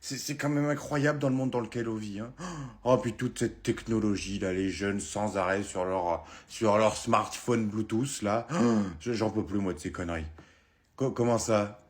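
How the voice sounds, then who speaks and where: A man's voice: on the low side, moderate pace, voice pushed down, lightly acted. A man playing an old retired man in a comic sketch, rambling and muttering complaints with lots of filler. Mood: grumbling. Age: older. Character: grumbling old male pensioner, nostalgic and sour.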